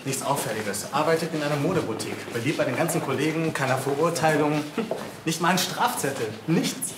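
A deadpan, literal-minded young police officer, played by a man. His voice sits a little high and stays flat and matter-of-fact. The sound is roomy, with noise under it. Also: brisk, lightly acted. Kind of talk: TV crime comedy acting. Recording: noisy, echoey TV soundtrack.

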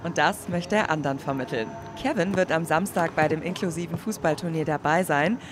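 A man reading a news voice-over in a plain, even way. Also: fairly high pitch, fairly quick, background noise. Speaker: news reporter.

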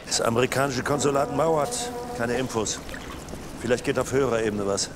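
A man's voice: mid-range voice, brisk, close to an everyday voice. Dry, teasing male investigator played by an actor, average register, screen drama, noisy urban backdrop. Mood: frustrated.

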